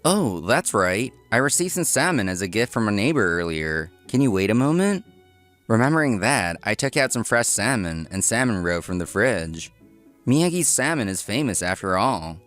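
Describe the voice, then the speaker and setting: A man's voice: lowish voice, sing-song, normal speed, fairly bright tone, faint music behind. A man reading scripted first-person narration with acted dialogue as a dry restaurant owner in a comic dub. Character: dry, workaholic young male restaurant owner.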